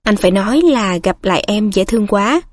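A woman voicing a pompous, portly middle-aged male minister who talks in a gruff, overly familiar way in a storybook reading. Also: medium pitch, animated, brisk, dry recording, natural voice.

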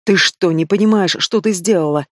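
A man's voice: sits high, moderate pace, no room sound, studio quality. A man reading the part of a stern, commanding young werewolf pack alpha in an audiobook. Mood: angry. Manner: commanding, clipped.

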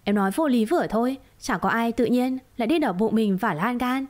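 A woman's voice: a little high, brisk, darkish tone, close to an everyday voice. Woman narrator doing an angry husband blaming his wife, hard-edged, audiobook. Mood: accusing. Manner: accusing and harsh. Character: angry young husband, bitter.

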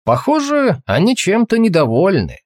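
A man's voice: high-pitched, wildly swooping pitch, normal speed, dry recording, studio quality, pitched above the performer's own voice. A man voicing a seasoned male hunter in a storybook reading, with a laconic, teasing delivery. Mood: wry.

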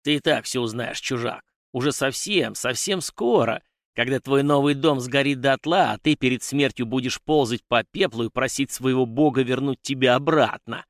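A man voicing a hateful captured bandit in an audiobook, with a raspy voice and slow, menacing delivery. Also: medium pitch, no echo, studio quality, close to an everyday voice.

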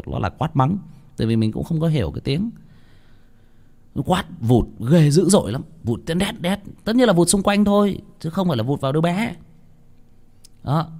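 A man's voice: fairly high pitch, darkish tone. A man telling a ghost story in a casual, rambling way, with many restarts and repeated words, speaking straight to his listeners.

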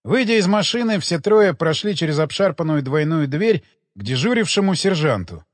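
Expressive male audiobook narrator, husky. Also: on the high side, normal speed, no echo, long reverb tail. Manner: expressive, dramatic reading.

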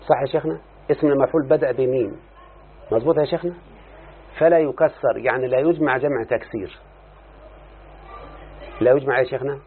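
Here a man of medium pitch teaches Arabic morphology at a quick pace, pausing often as he explains a text in class and turning to question his listener. A little hiss or hum sits under the muffled, phone-like lo-fi audio.

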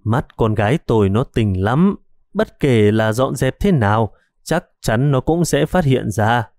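A man's voice: mid-range voice, lively intonation, measured pace, a little mellow, no room sound, studio quality. A man voicing a frightened elderly mother who stammers and hesitates, in an audiobook story.

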